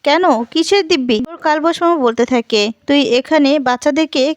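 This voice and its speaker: A woman's voice: sits high, fairly quick, dry recording. A woman retelling a television serial's plot in a casual spoken way, quoting each character's lines in her own voice.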